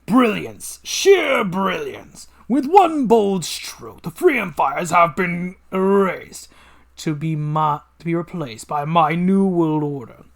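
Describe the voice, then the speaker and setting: A man's voice: high voice, animated, slow pace, creaky, pitched above the performer's own voice, full character voice. Man putting on a pompous mad-scientist villain overlord. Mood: gloating. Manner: pompous, theatrical, wordy. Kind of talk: dramatic comic read-along.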